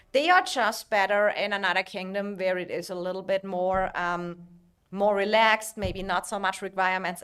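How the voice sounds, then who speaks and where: A woman's voice: medium pitch, fairly bright tone. A woman who is not a native English speaker, chatting casually as a livestream host, searching for words as if translating in her head. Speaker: livestream host and alliance member. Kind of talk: casual livestream chat about a strategy game.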